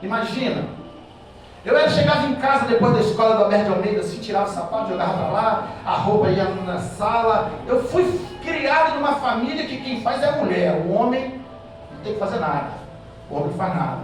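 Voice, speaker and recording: Brazilian man, high voice, pastor preaching to couples, lively back-and-forth with the crowd, far from the mic in a very echoey hall. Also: a little fast. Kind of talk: sermon to couples.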